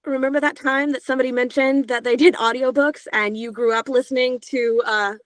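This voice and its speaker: An audiobook narrator from Georgia in the US chats casually in an interview, her voice higher-pitched and youthful. She talks briskly in a steady tone, peppering her speech with filler sounds, and there's no room sound on the recording.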